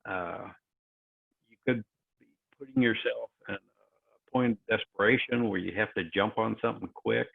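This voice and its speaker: Gravelly man over a crackly phone line. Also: on the low side. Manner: halting, many fillers and restarts. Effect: crackly phone-like line that fades in and out. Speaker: moderator of an online session. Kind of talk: presenting talk on a virtual call. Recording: tinny phone-like call audio.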